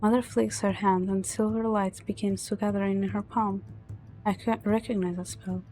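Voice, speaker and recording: A woman's voice: mid-range voice, level tone, normal speed, a little mellow, faint music behind, rough recording. A woman streamer reading story narration aloud from a visual novel, dramatic but stumbling over words now and then.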